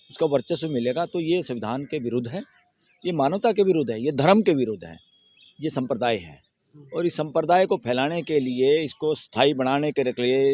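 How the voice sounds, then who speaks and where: A man speaking as an advocate in an interview, giving long emphatic answers that build into forceful rhetorical questions. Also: mid-range voice, no echo. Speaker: Supreme Court advocate, interviewee. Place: outdoors near a courthouse.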